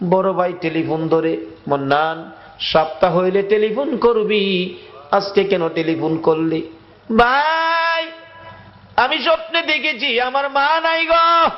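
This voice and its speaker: A high-pitched male preacher with a pours out a wailing, half-sung sermon. He draws his words out slowly and pleads with his listeners. The recording sounds dull and lo-fi.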